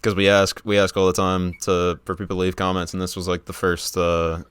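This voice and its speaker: A young man co-hosting a podcast, chatting in a relaxed, rambling way full of fillers. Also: low voice, brisk, clear, resonant tone. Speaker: podcast co-host. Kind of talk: casual chat.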